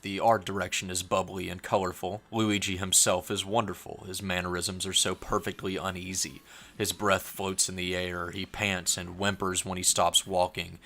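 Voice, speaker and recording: A man in his thirties narrating a scripted video essay as a game reviewer, articulate and measured in his critique. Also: sits low, a bit bright.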